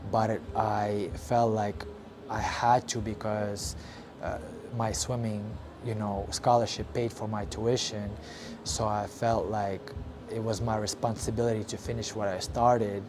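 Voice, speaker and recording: A young man from Ukraine speaks in a somewhat low voice, telling his personal story with blunt, unpolished frankness. He pauses and restarts often, leaning on fillers and the odd curse. Steady background noise sits clearly under his voice. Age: young adult. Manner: frank, halting, with frequent fillers and swearing. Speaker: vlogger.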